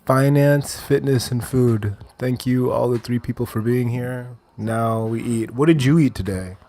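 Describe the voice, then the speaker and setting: A man hosts a relaxed livestream from a kitchen while he cooks. His voice sits in a middle register, and he talks in an easygoing way as he reads viewer comments aloud and answers them one by one. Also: medium pitch, a little slow. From Wheaton, Illinois, USA. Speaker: livestream host. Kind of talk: casual livestream chat while cooking. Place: kitchen, indoors.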